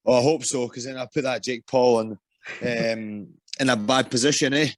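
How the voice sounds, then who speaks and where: A man's voice: medium pitch, steady tone, normal speed, dry recording. A young Scottish man, an MMA fighter, answering interview questions casually and hesitantly, with many ums and restarts. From Scotland.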